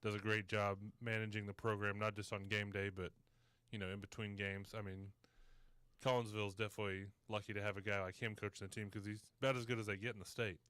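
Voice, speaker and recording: A man co-hosting a sports talk show, steady and matter-of-fact. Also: lowish voice, quick pace, smooth, dry recording. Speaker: sports radio co-host.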